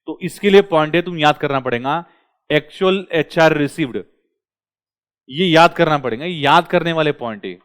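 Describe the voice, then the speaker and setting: A male commerce tutor, lecturing a classroom and quizzing his students with quick questions. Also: fairly high pitch, a bit bright, clean tone.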